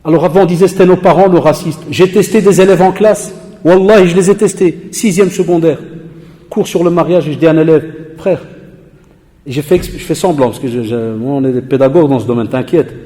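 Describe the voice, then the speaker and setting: A man's voice: fairly high pitch, fairly quick, dark tone. A man giving an anecdotal sermon as a religion teacher, acting out dialogues and dropping Arabic expressions. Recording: long hall reverb.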